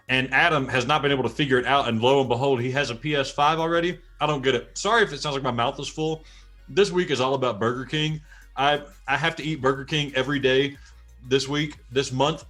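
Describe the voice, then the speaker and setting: A man's voice: medium pitch, fairly bright tone. A young man co-hosting a gaming podcast, wry and laid-back as he jokes around. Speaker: podcast co-host. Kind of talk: casual podcast banter.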